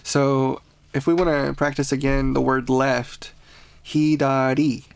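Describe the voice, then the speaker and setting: A man's voice: medium pitch, level tone, a little slow, creaky, clean tone, no room sound. A man teaching a casual beginner language lesson on a podcast, patient and laughing often.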